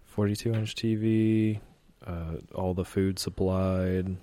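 A man from Illinois in his late twenties, a podcast guest telling laid-back stories with halting fillers. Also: deep voice, level tone, warm tone, slight background noise. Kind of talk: casual chat.

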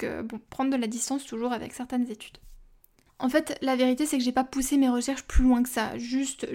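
A woman's voice: high voice, warm tone. A young woman hosting a podcast, talking casually and personally with many fillers and asides. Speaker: podcast host.

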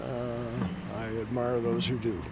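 Slow, halting man interviewed outdoors. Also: medium pitch, level tone. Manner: halting, hesitant. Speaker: protester, interviewee. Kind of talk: casual interview. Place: outdoors by a road. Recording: clear outdoor traffic noise.

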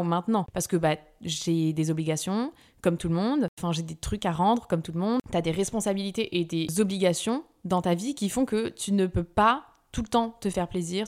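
A young woman talks through her podcast in a loose, chatty way, full of fillers and quick self-corrections. Her voice sits a little low for a woman. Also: darkish tone. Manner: chatty, informal, many fillers and restarts. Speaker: podcast host. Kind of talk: casual self-help podcast monologue.

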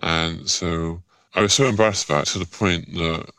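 A man speaking through a voice disguise that makes him sound deep, answering interview questions hesitantly and restarting his sentences. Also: fairly even intonation, moderate pace, sharp tone, clean tone, dry recording. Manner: hesitant, self-conscious, frequent restarts. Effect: disguised voice, pitched down deep. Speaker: podcast guest. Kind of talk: candid personal interview.

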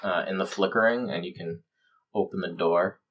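A man's voice: low voice, moderate pace, lo-fi sound. A man running a tabletop game as game master, describing scenes in a chatty way full of fillers.

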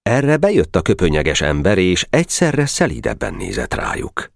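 Low-voiced male narrator, wide-ranging, dry close recording. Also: huge pitch swings, creaky, no room sound. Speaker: audiobook narrator. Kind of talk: audiobook narration.

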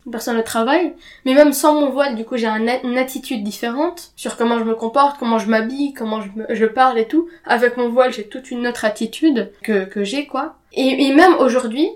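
A young woman, a native Arabic speaker, talks candidly and casually about her own life as a podcast guest, using slang and the odd English word. Her voice is fairly high, and she speaks a little fast with few pauses.

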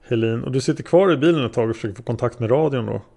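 A man's voice: mid-range voice, vocal fry, dark tone. A man voicing a male prosecutor who questions a witness step by step, in a methodical way. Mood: probing.

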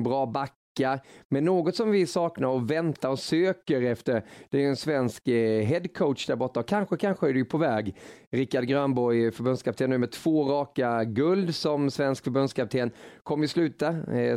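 Man hosting a sports chat, soft dark tone, super dry sound, conversational. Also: mid-range voice, no echo. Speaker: host.

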